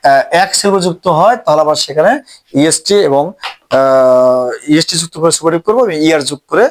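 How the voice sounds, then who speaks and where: A man teaching an English grammar lesson, speaking slowly and repeating each word as he writes it out. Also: a little high, a little hiss or hum. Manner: slow, repeats each word while writing it out.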